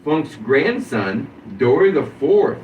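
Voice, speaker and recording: A man talks through a wrestler's life on a casual podcast. He reads the recap and breaks off for asides. His voice sits at a middle pitch and comes from a dull, distant mic with faint hiss in a roomy space. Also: very animated, takes it slowly. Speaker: podcast host.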